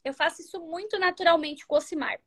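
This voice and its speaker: Animated high-voiced Brazilian woman. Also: fast talker. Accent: Brazilian Portuguese. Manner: animated, acts out sample dialogues, drops to near-whispers. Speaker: live-stream host giving relationship advice. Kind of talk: casual advice talk to viewers.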